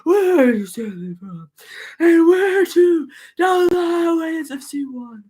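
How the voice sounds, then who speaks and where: A woman voicing old King Nestor in a high, airy, strained old man's voice, questioning his guests. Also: animated, slow, dark tone, full character voice. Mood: probing. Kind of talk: amateur dramatic reading.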